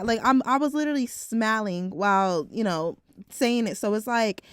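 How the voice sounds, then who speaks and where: A woman of about twenty vlogs casually and frankly, swearing occasionally and leaning heavily on the filler "like." Her high voice has a clean tone, recorded at studio quality with no echo.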